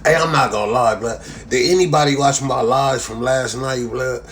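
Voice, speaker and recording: This live-stream host reads viewers' chat comments and rants casually, cursing heavily and tagging a slang phrase onto the end of his lines. He talks at a moderate pace in a mid-range, fairly bright voice, with a little hiss or hum in the background.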